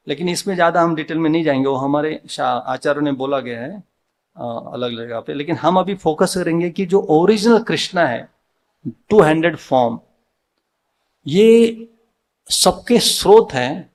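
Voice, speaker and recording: A man with an Indian accent giving a devotional Sunday sermon in a temple hall, mixing in English words and asking his listeners questions that he answers himself. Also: a little high. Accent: Indian, mixing Hindi with English words. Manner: asks the audience questions and answers them himself.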